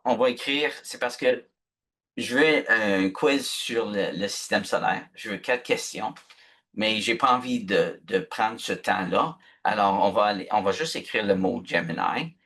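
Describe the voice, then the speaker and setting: A man runs a video-call workshop. His voice sits low and a little husky. He explains things patiently and keeps checking that everyone is following. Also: a bit bright. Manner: patient, chatty, often checks "ok?". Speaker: instructor. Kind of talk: live online workshop teaching.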